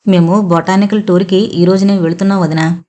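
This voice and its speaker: A woman's voice: lowish voice, steady tone, a little fast, lightly acted. A woman reading the lines of a teasing college-girl younger sister in an audio novel. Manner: teasing, bright questioning.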